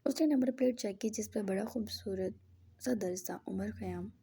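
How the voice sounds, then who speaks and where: A woman narrating a novel as an audiobook in a hushed, half-whispered reading. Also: medium pitch, normal speed, breathy edge.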